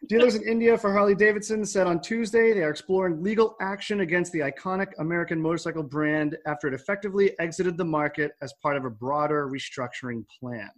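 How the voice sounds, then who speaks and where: Chatty male podcast host. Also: sits high. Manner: chatty, many fillers, reads news aloud. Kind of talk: casual motorcycle news chat.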